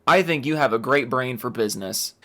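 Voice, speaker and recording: A man reacts to a video in a casual, mid-pitched voice. He is sarcastic and mocking, with an exasperated edge, and he swears freely as he argues. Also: a little fast, pushed and bright. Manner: profane, exasperated.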